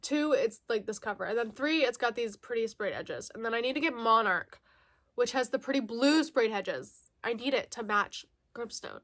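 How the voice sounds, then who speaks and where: Lively and a bit bright, this fairly high female voice moves at a moderate pace. Still slightly nasal from a mild cold that hasn't quite cleared, the book vlogger chats casually through her haul, giggles, corrects herself, and reads out the blurbs.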